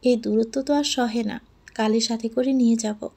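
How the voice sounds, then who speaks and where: A woman's voice: on the high side, steady tone, normal speed, dark tone. A woman voicing a possessive, hot-tempered young man in an audio love story, scolding through clenched teeth or coaxing tenderly.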